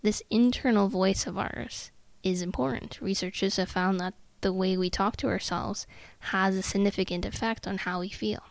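A woman podcast host and therapist, talking slowly and soothingly as she guides listeners through relaxation exercises, sometimes dropping to a hushed voice. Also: medium pitch, creaky, no echo. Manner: slow, soothing, calm guidance, drifts into hushed tones.

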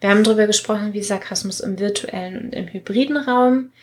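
A woman's voice: medium pitch, fast talker, slight background noise. A woman co-hosting a podcast, explaining in an earnest, chatty way with frequent fillers. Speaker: podcast co-host. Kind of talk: casual podcast talk.

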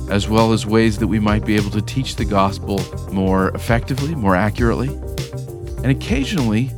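A man hosting a podcast, reading a scripted introduction and then asking questions in an earnest, measured way with small restarts. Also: lowish voice. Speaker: podcast host.

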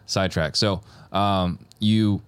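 A man's voice: deep voice, fairly even intonation, takes it slowly, clean tone, no echo. A man hosting a podcast interview in an easygoing way, often stumbling over and repeating his words. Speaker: podcast host. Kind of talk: casual interview.

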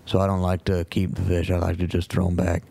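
A man doing a deadpan Cajun fisherman. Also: low-pitched, fast talker, vocal fry, dry recording, pitched below the performer's own voice. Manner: short clipped deadpan answers.

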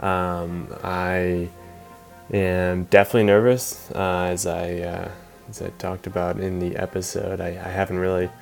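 Brief: male podcast host, very low flat voice, hesitant and filler-heavy. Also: a little slow, vocal fry, faint music behind. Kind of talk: casual podcast talk.

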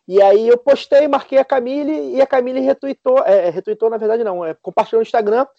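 A man co-hosting a podcast, out of breath, enthusiastic and halting in a casual chat. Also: very high-pitched, vocal fry, warm tone, dry recording, highs cut off. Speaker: podcast co-host.

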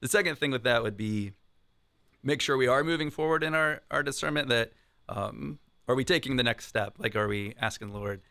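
A man speaking as a priest and guest in an unscripted conversation, thoughtful and encouraging, in halting phrases. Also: medium pitch, vocal fry, bright, forceful tone.

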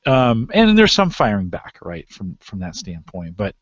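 Male show host, casual and rambling, low-pitched, dry muffled recording. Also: wildly swooping pitch, unhurried, husky, no echo. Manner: rambling, many restarts and fillers. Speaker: podcast host. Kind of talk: casual discussion.

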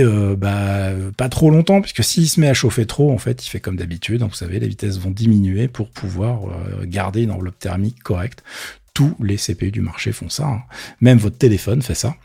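A man with a gravelly, husky voice chats about tech in a loose, slangy way, full of fillers. His tone is dark and mellow and his mouth is dry from thirst. The recording is close and dry, with no room around him. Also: on the low side, normal speed, dry recording. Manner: chatty, slangy, many fillers. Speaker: tech commentator. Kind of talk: casual tech news chat.

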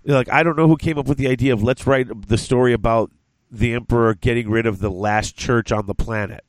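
Male podcast host, stuffy from a cold, halting and rambling, dry recording. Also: mid-range voice, steady tone, no room sound. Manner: rambling, halting, many restarts. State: congested from a cold. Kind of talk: casual podcast chat.

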